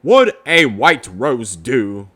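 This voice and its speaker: A man's voice: medium pitch, big pitch swings, drawn-out words, pushed and bright, husky, no room sound, pitched below the performer's own voice, heavily acted. A man voicing a pompous, long-winded old owl in a children's storybook. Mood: pompous, chatty.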